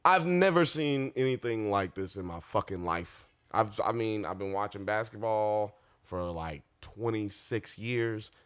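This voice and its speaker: A man's voice: fairly low pitch, expressive, measured pace, fairly bright tone, clear, resonant tone. Emphatic man in sports banter. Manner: emphatic, repeats himself, swears. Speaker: podcast co-host. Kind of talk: casual sports chat.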